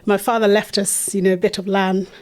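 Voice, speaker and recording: A woman's voice: medium pitch, flat delivery, fairly quick. A middle-aged woman from Uganda, a guest in an interview, talking earnestly about teaching and her charity with frequent restarts. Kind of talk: conversational interview.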